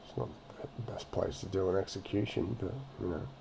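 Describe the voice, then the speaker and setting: A man's voice: deep voice, steady tone, a little fast, vocal fry, warm tone, slight background noise. A man giving blunt, profane, indignant commentary while reacting to police footage. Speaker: video reaction host.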